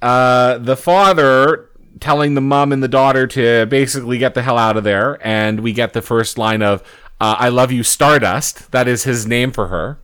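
A man with a clear, resonant voice at an ordinary pitch recaps a movie for a podcast. He is laid-back and chatty, filling pauses and swearing lightly. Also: steady tone, a bit bright. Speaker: podcast co-host. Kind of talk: casual movie review chat.

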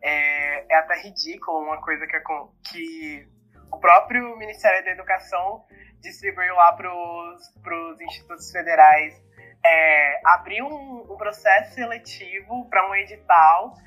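A woman's voice: fairly low pitch, unhurried, sharp tone, soft background music, poor audio. A woman with a Brazilian Portuguese accent, speaking indignantly in a casual podcast chat. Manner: indignant, critical.

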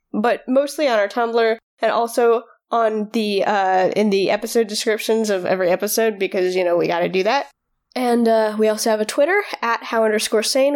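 A fairly high-voiced woman co-hosts a podcast in loose, casual chat. She rambles, pausing on fillers and doubling back on her own sentences. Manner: rambling, full of fillers and restarts. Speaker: podcast co-host.

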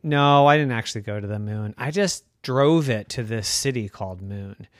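A man voicing a quirky, boastful old neighbor man who rambles jokily with sudden high bursts. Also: moderate pace, no echo, clean studio sound, close to an everyday voice. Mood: jaunty.

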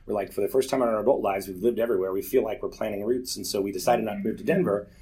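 A man in his forties, with a warm, lowish voice and racing speech, gives an earnest, candid personal testimony to a church group, telling stories with self-deprecating humor.

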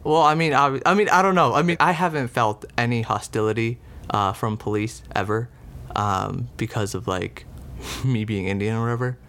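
A man's voice: mid-range voice, moderate pace, a bit bright, smooth. A man in his twenties recounting a story in a casual interview, rambling with lots of "like" and "um". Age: 20s. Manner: rambling, frequent "like" and "um", laughs.

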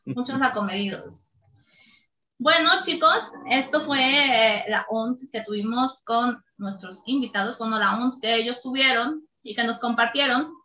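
Chatty woman host, bright tone, dull studio sound. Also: fairly high pitch, unhurried. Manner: chatty, laughs often. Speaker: radio show host. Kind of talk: casual radio talk show.

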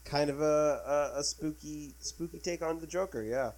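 A man co-hosting a podcast, talking casually about a film with many pauses and filler sounds. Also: fairly high pitch, a little mellow. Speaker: podcast co-host.

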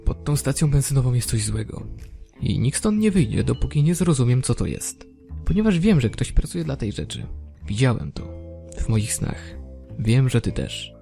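A man's voice: mid-range voice, very animated, normal speed, gravelly, faint music behind. A man voicing a paranoid, threatening bearded gunman. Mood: ominous. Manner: menacing, shouting at times.

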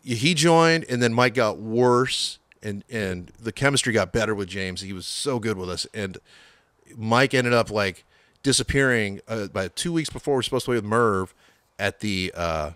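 A man's voice: lowish voice, normal speed, a bit bright, dry recording. A man telling band stories in a loose podcast chat, full of swearing, acting out other people's lines as he goes. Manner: profane storytelling, acts out quotes.

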